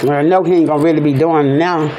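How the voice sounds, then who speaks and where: A man chatting casually on a mukbang vlog, chewing while talking and speaking between bites in a relaxed way. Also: a little high, racing. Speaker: mukbang vlogger. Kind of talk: casual chat while eating. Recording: noisy home recording.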